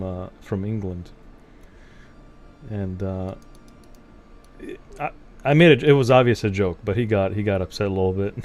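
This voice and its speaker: Low-voiced man streaming casually. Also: a little mellow. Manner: rambling, blunt, swears, laughs often. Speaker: game streamer. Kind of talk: casual chat while gaming.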